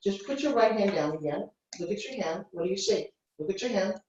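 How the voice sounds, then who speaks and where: Her mid-range voice is animated, fairly quick, and a little mellow as this business coach leads a workshop live. She hands out short, blunt directives and jumps in with corrections, recorded from afar with a dull mic in a reverberant indoor room with slight background noise.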